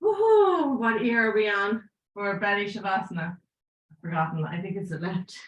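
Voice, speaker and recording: A woman leading a live yoga class with playful, encouraging cues and breath counts, her voice going hoarse. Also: medium pitch, moderate pace, fairly bright tone. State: losing her voice. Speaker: yoga teacher. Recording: echoey room.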